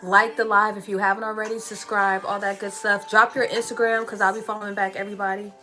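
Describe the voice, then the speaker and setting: A woman in her thirties hosting a casual live stream, greeting viewers, reading out their comments and clearing her throat often. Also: medium pitch, little pitch movement, quick pace. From California. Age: 30s.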